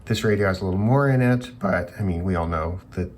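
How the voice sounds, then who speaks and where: Brisk and darkish in tone, a low-voiced man delivers unscripted teardown commentary as a hobbyist who reviews radios. He muses hesitantly, puzzling things out aloud, while some background noise runs under the recording.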